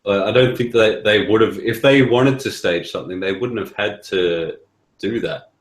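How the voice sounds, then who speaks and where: A man's voice: on the low side, normal speed. A man in casual voice-call chat, hesitant and repeating words, his voice echoing in a room. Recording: roomy echo on call.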